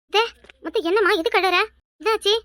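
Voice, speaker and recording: A woman voicing an elderly village mother in a cartoon, with a Kanyakumari Tamil accent and a loud, wailing, lamenting manner. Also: very high voice, a little fast, no room sound, clean studio sound. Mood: anxious. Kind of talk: cartoon voice acting.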